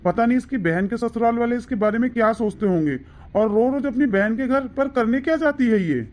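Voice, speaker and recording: A woman plays a complaining young husband in a cartoon. The voice is fairly high for him, irritated, with light hiss behind. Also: fairly quick, a little mellow, natural voice. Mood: grumbling. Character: young husband, easily swayed. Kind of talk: cartoon voice acting.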